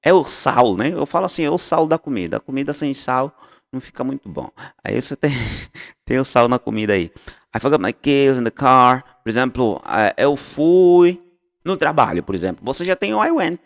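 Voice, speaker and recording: A man gives a casual English lesson, swinging his pitch widely as he explains. He repeats example phrases and corrects himself as he goes. His voice carries a long hall reverb. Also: animated, normal speed, creaky. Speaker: English teacher.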